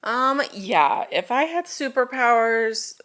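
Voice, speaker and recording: A woman's voice: fairly high pitch, expressive, fairly bright tone. A woman in her thirties chatting casually to camera for her family vlog, rambling with restarts, sighs and yawns. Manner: rambling, halting, yawning, with sighs and laughs. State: drowsy. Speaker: family vlogger.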